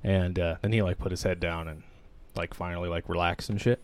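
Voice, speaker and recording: A man's voice: deep voice, steady tone, a little fast, a little mellow. Profane young man telling a story. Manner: rambling, profane, emotional storytelling. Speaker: podcast co-host. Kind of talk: candid casual podcast chat.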